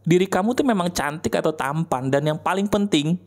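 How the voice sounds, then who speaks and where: A man's voice: on the high side, animated, a little fast, darkish tone. A man giving a conversational motivational talk, coaxing listeners with rhetorical questions and step-by-step instructions. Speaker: motivational speaker.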